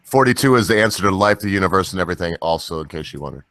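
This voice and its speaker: A man's voice: deep voice, expressive, rapid-fire, a bit bright. A man in his forties hosting a late-night livestream, rambling and joking with crude humor. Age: 40s. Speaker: livestream host. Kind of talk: casual late-night chat.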